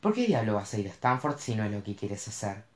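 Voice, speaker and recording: A man's voice: lowish voice, big pitch swings, brisk. A narrator voicing a rich young male actor who talks in a cocky, teasing way. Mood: teasing, blunt. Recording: roomy echo.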